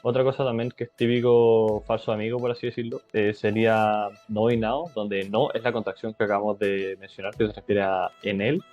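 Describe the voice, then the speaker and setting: A young man from Chile giving a casual tutorial as a language tutor, halting with many fillers and restarts. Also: lowish voice, little pitch movement, darkish tone, dull audio, soft background music.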